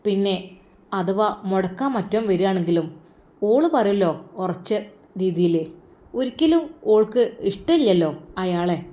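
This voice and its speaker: A woman plays an older man with a Malabar accent who leans in with hushed, confiding advice. He speaks frankly to a worried father in a storybook reading. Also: medium pitch, natural voice. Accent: Malabar Malayalam.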